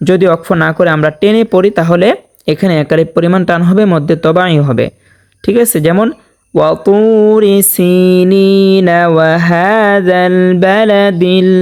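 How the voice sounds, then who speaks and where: A man teaching Quran recitation rules, explaining briskly and then chanting verses slowly and melodically. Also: high voice, darkish tone. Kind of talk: tajweed lesson with slow chanted recitation.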